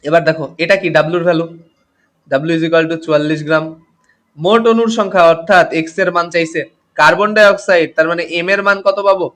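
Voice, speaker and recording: Tired tutor, high voice. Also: male voice, fast talker, fairly bright tone. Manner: reads out comments and greets students by name, mixes English terms. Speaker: chemistry tutor. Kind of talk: live online class teaching.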